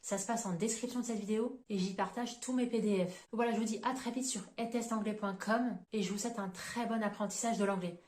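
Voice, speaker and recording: A woman explains English sounds in a patient, clear teaching manner, repeating each example so viewers can copy it. Her voice sits in a middle range and carries a noticeable room echo. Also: mid-range voice, fairly even intonation, brisk, few pauses, a little mellow. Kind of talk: online pronunciation lesson.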